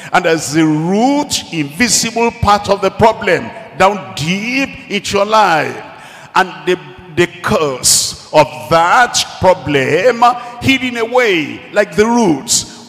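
Slow, emphatic preacher in a reverberant hall. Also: male voice, sits high, fairly bright tone. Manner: repeats phrases for emphasis. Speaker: pastor. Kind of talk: sermon.

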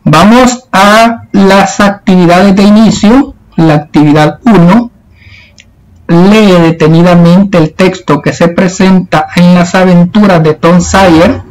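A man's voice: sits high, steady tone, slow pace, poor audio. A male teacher patiently explaining a worksheet to schoolchildren in a recorded lesson. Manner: patient, explanatory, addressing children.

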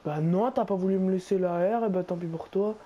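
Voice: medium pitch, a little fast, highs cut off, slight background noise. Bossy young gamer talking French street slang. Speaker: video game player recording gameplay. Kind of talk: casual gaming banter.

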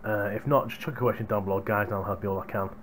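A man's voice: fairly low pitch, steady tone, racing, a bit bright, a little hiss or hum. A young man chatting casually to viewers as a hardware reviewer, recorded on a gaming headset microphone. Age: young adult. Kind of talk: casual vlog chat to viewers. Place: small room at home, indoors. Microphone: headset boom microphone.

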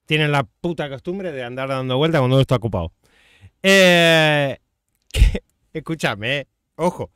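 A man hosting a casual video-call interview, relaxed and chatty, asking about games. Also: on the high side, moderate pace, smooth, dry recording, studio quality. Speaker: interview host.

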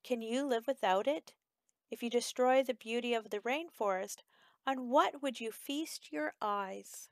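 A woman voicing a slow female sloth in a storybook reading, drawling in a deep lazy way. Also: no room sound, studio quality. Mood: musing.

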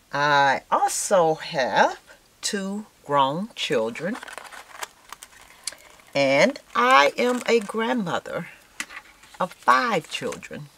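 A woman's voice: deep voice, a bit bright, slight background noise. A woman in her sixties chatting casually to viewers while she works on a craft project, with lots of fillers and a repeated "yes". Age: 60s. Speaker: craft vlogger. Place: indoors at a cluttered craft table.

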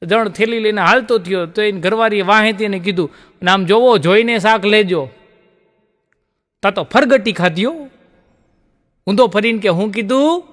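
A man's voice: high voice, moderate pace, a bit bright. A man telling folk comedy jokes and chuckling at his own punchlines. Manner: jokey storyteller, laughs at own punchlines. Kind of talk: Gujarati folk comedy storytelling. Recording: long hall reverb.

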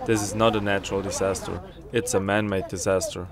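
A man giving interview testimony, his voice electronically distorted and deepened to hide his identity, speaking bluntly and accusingly. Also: level tone, brisk, crowd noise. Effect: voice distorted to disguise identity, deep. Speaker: interviewee, resident.

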